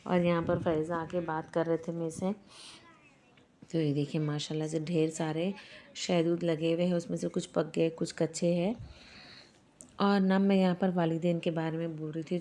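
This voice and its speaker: Gentle, even-toned middle-aged woman vlogger. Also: deep voice. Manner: gentle, repetitive, instructive. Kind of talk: casual vlog voice-over with religious advice.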